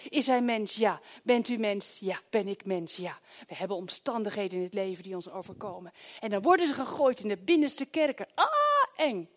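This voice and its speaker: A middle-aged woman preaching a sermon, telling stories with lively swings between hushed prayer and loud exclamations. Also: mid-range voice, moderate pace, hardly any pauses.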